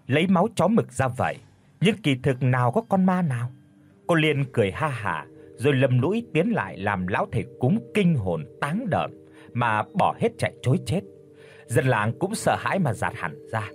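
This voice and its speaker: Male storyteller, husky, very lively pitch, dramatic folk tale. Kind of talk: folk ghost story narration.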